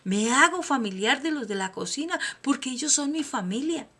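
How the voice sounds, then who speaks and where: Hosting a personal motivational monologue, this Colombian woman speaks with a Colombian accent, preaching emphatically and swinging from soft asides to loud declarations. Her voice sits high, is expressive with a breathy edge, and moves at a moderate pace.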